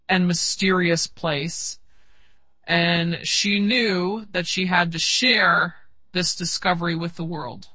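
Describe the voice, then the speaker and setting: A performer voicing a friendly sentient AI assistant telling a story slowly and deliberately, reading stage cues aloud with halting fillers. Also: medium pitch, sharp tone, husky, dry recording, exaggerated voice.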